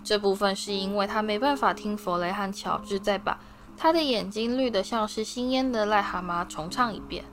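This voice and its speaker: A woman narrating a fantasy novel as an audiobook reader, in a steady, expressive reading voice. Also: medium pitch, moderate pace, faint music behind. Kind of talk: storybook narration.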